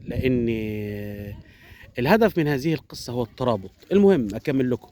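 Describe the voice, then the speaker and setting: A man with an Egyptian Arabic accent informally telling a traditional animal fable as a storyteller, animated and digressive, addressing his viewers directly. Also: mid-range voice, fast talker.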